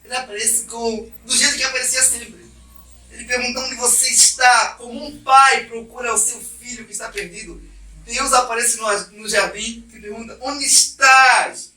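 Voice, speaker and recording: A male pastor from Brazil preaching an impassioned sermon, swinging from quiet to loud. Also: very high voice, recorded from a distance. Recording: echoey church heard from off mic.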